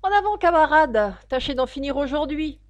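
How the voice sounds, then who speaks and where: A woman voicing a gruff, impatient griffin in a storybook reading, curt and scornful, her pitch swinging widely. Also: very animated, normal speed, a little mellow, dry recording. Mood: scolding. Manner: scolding, curt.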